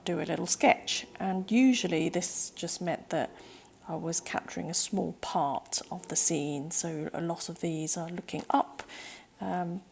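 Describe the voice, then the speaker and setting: A woman casually narrating a tour of her sketchbook in a relaxed, chatty way with frequent ums. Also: fairly low pitch, vocal fry, slightly rough. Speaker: sketchbook vlogger.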